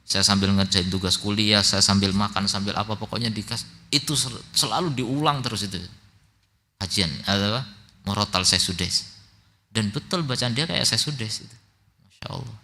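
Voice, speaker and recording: A man's voice: fairly low pitch, normal speed, pushed and bright. A man teaching a religious study lecture, telling stories in a conversational way, reciting Arabic passages and then translating them. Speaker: Islamic teacher (ustadz).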